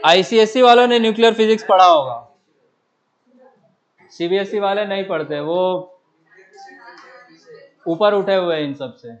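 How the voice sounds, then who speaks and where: A man's voice: sits high, unhurried, long pauses. A man teaching a physics class, asking his students questions, answering them himself and often checking whether they follow. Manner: coaxing, repeatedly checks understanding. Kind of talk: classroom lecture.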